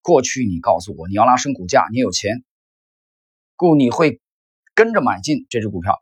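A man reading aloud and voicing an angry male stock trader who shouts accusations. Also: medium pitch, big pitch swings, moderate pace, husky. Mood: accusing.

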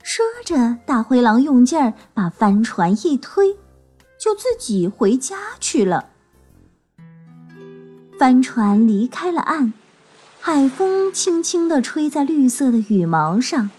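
A woman telling a children's story in a gentle, expressive way. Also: high-pitched, takes it slowly, husky, soft background music.

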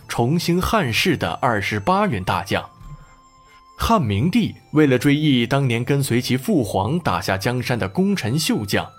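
A man narrating a children's history story expressively. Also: medium pitch. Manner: expressive, lively.

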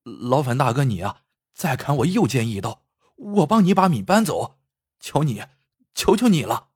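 A man's voice: mid-range voice, very animated, moderate pace, darkish tone, slightly rough, no room sound, studio quality. A man voicing a timid but oddly stubborn poor villager in a spoken story, pleading in a whining tone.

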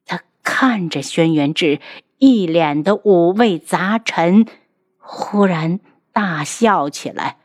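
A woman narrating a martial-arts web novel in a steady, unhurried storytelling manner. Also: lowish voice, no echo, studio quality. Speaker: audiobook narrator.

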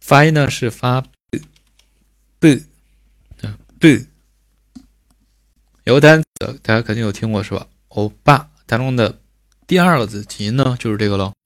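Male teacher, mid-pitched, pronunciation drills, slow repeated sounds, tag questions, dry close recording. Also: expressive, fairly bright tone, dry recording. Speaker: Korean language teacher.

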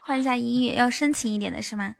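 A woman's voice: on the high side, fast talker, gravelly. A woman hosting a live stream, chatting playfully, repeating herself and laughing often. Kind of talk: casual live-stream chat.

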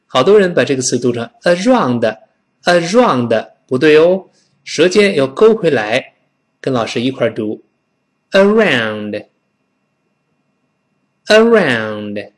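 A middle-aged Chinese man with a medium-pitched, expressive voice teaches a spoken English lesson, demonstrating pronunciation slowly and over and over.

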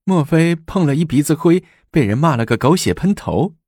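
A cheeky young palace lady teases with breezy, lilting mockery, her voice lifted high above a man's usual register. It is husky and dry as a male storyteller puts her on. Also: animated, moderate pace, darkish tone, no echo. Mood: mocking. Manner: teasing, breezy. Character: brash, teasing young palace lady-in-waiting.

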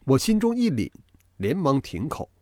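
A male storyteller reads a novel aloud with dramatic, expressive flair. His pitch swings widely as the tension builds and falls. The recording is dry and close, with no room echo. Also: moderate pace. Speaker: audiobook narrator. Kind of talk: scripted storytelling narration.

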